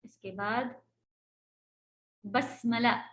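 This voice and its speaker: A woman's voice: on the high side, fairly even intonation, fairly bright tone. A woman Quran teacher giving a patient, explanatory religious lecture, slipping English words into her talk.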